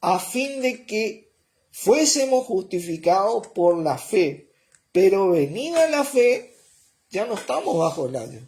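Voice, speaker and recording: A man preaching a sermon in a slow, explanatory way, often checking on his listeners with a quick "¿eh?" or "¿mm?". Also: high voice, big pitch swings, darkish tone.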